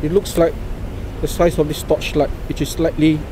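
A middle-aged Singaporean man with a fairly high voice demonstrates products in informal Singlish. His phrasing is halting and deliberate. He is outdoors, with clear traffic noise around him. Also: little pitch movement. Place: outdoors by a car park and exhibition centre. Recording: noisy outdoor recording with traffic ambience.

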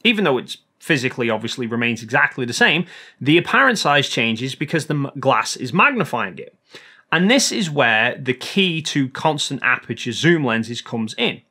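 A man hosting a photography video, giving a scripted technical explanation in a clear, explanatory way. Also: mid-range voice, big pitch swings, moderate pace, sharp tone.

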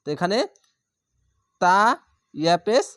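A man with a Bangladeshi Bengali accent teaching Quran reading, spelling each word letter by letter and then drawling it slowly. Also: sits high, animated, no room sound, clean studio sound. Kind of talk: spelled-out Quran recitation lesson.

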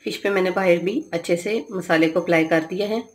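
A woman hosting a cooking channel, calmly explaining each step of a home recipe from her kitchen. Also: fairly low pitch, brisk.

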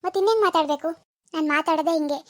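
Here a woman in an amateur phone-call drama takes the role of a hurt young villager bitterly refusing the lover who deceived her, her mood reproachful. The voice is high but close to an everyday one, very fast, recorded cleanly in a studio with no room sound.

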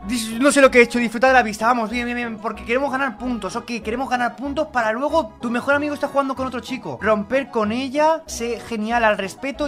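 Excitable young gamer, high bright voice. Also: male voice. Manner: loud, swearing, jokey, shouts suddenly. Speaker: gaming YouTuber. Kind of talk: excitable gameplay commentary.

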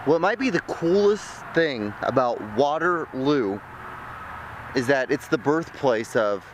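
Holding his camera at arm's length on riverside city streets, a young man from the American Midwest vlogs in a medium-pitched, animated voice, taking his time. His narration rambles with self-mocking jokes, and the background is noisy.

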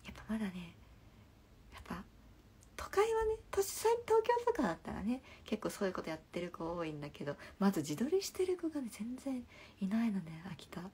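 Husky-voiced young woman chatting on a live stream. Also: mid-range voice, huge pitch swings, brisk. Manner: chatty, drifts often into soft half-whispers. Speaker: livestream host. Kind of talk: casual live-stream chat answering comments. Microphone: phone.

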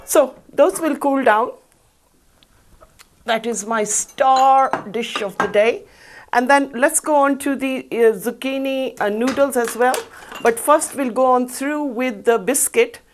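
A middle-aged woman walks viewers through a recipe on a studio kitchen set. Her voice sits a little high, and she talks in a chatty, upbeat way into a lapel mic. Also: slow, background noise. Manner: chatty, upbeat, explains each step while working. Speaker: cooking show host. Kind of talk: cooking demonstration.

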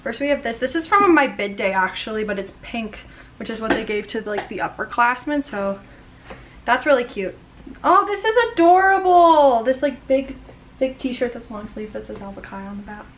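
A woman's voice: mid-range voice, fairly quick, fairly bright tone, a little hiss or hum. A young woman with a bubbly, gushing sorority-girl manner, chatting casually for a vlog. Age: young adult. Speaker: vlogger, college sorority member.

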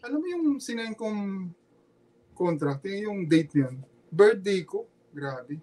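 A middle-aged man with a Filipino accent speaks in a fairly high voice. He tells his story in a casual interview, earnest and halting, and he circles back to repeat his words. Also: sing-song, dark tone. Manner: earnest, halting, repeats himself, mixes Tagalog and English. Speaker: former pro basketball player, guest. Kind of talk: casual podcast interview, personal testimony.

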